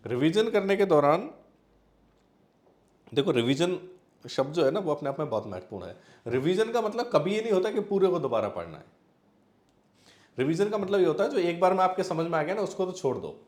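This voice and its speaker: A man's voice: on the high side, sing-song, a little fast, long pauses, a little mellow, reverberant. A man teaching exam preparation, talking it through in a conversational way with repeated examples and fillers. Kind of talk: explanatory exam-prep talk.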